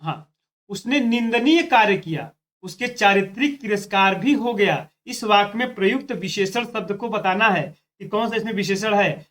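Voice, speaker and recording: A man's voice: high voice, normal speed, fairly bright tone. A male teacher working through practice test questions step by step, repeating phrases and talking straight to his students. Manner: addresses students directly with "dekho" and "thik hai". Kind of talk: exam practice lesson.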